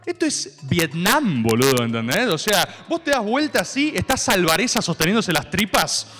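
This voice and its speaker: Lively, bright-voiced Argentine man joking. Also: high voice, normal speed, long reverb tail, soft background music. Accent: Rioplatense Argentine Spanish. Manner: rambling, ironic, full of asides. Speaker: host. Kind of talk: comic political commentary on a live stream.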